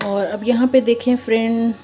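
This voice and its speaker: Chatty woman cooking, mellow voice. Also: on the high side, fairly even intonation, normal speed, a little hiss or hum. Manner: chatty, addresses viewers as friend, step-by-step explaining. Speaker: cooking channel host. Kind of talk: casual cooking demonstration. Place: home kitchen at the stove. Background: frying and sizzling from the pan.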